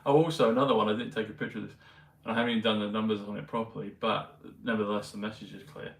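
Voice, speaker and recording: Guy talking to camera, kinda low and monotone, wanders off a lot, roomy echo from far off the mic w faint background hum. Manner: meandering, hesitant, many pauses and fillers. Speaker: vlogger. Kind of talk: rambling casual monologue.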